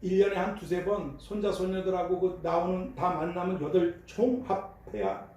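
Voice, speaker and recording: Speaking at a normal pace, this older pastor has a high, slightly mellow male voice. He tells stories conversationally as he preaches in a church sanctuary, and the hall's echo makes him sound far away.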